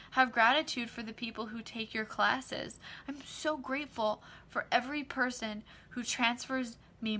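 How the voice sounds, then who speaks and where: A woman talking casually on a live video, excitedly promoting her book club and class, with many fillers. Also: fairly high pitch. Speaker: online class facilitator.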